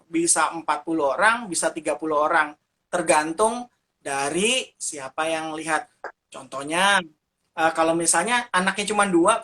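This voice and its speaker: A man's voice: fairly high pitch, pushed and bright. A man answering interview questions as a teacher of puppet ministry, talking animatedly and showing how to do voices as he explains.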